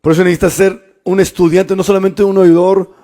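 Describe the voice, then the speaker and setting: A man preaching a bilingual sermon as pastor, repeating phrases and rising to emphatic shouts. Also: high-pitched, flat delivery, brisk.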